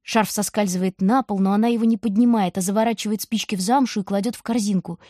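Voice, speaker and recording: A woman narrating a storybook audiobook in a vivid, expressive way. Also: mid-range voice, fast, no echo, clean studio sound.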